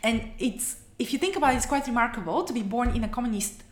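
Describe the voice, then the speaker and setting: A woman's voice: a little high, expressive, fast talker. A woman, answering interview questions earnestly and passionately, often restarting her phrases. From Bulgaria. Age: 30s. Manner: passionate, many restarts and "you know". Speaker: interview guest, activist. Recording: echoey room, faint noise.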